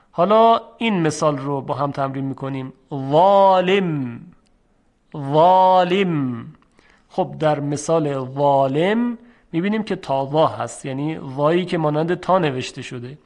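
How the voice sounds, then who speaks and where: Man teaching Arabic letter sounds. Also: on the high side. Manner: slow and drawn-out on example sounds, repeating them for students. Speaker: Quran recitation teacher. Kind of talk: tajwid pronunciation lesson.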